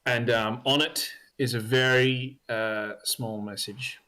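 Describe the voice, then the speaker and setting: A man's voice: medium pitch, steady tone, slow pace, pushed and bright. A young man narrating as dungeon master, hesitant with many ums and likes. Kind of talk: narrating a tabletop game.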